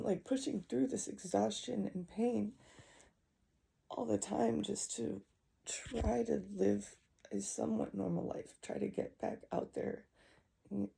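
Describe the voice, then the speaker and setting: Young woman, upset vent, halting, husky voice, dark tone. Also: mid-range voice. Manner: upset, halting, repeating herself. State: distressed. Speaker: vlogger. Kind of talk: emotional personal vent.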